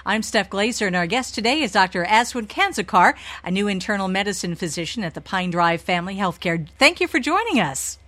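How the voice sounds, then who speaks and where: A woman's voice: mid-range voice, expressive, a little fast, hardly any pauses, a bit bright. A woman hosting a radio interview, chatty and friendly, with frequent hesitations. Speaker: radio talk show host.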